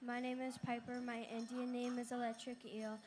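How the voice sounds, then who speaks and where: A woman's voice: fairly high pitch, flat delivery, moderate pace, a little mellow. An eleven-year-old girl giving a formal, memorized self-introduction as junior powwow royalty. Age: child, eleven.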